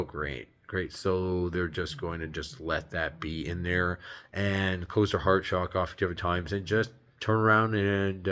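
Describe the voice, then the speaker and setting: Low-voiced man, rambling and exasperated monologue, salty language. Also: a bit bright. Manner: rambling, exasperated, swears, acts out quoted women. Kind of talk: casual spiritual rant.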